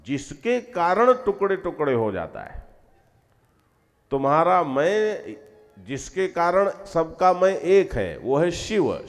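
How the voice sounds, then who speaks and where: A spiritual teacher delivers a devotional discourse to a gathering, working through ideas step by step and repeatedly urging listeners to pay close attention. His voice is fairly high, and the audio carries a long reverb tail.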